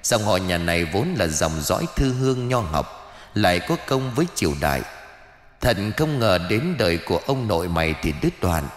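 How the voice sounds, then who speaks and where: A man's voice: low voice, sing-song, moderate pace, roomy sound, long reverb tail, faint music behind. A man doing a pompous old ghost sorcerer. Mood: lamenting. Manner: gruff, scolding, boastful. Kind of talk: audiobook character voice.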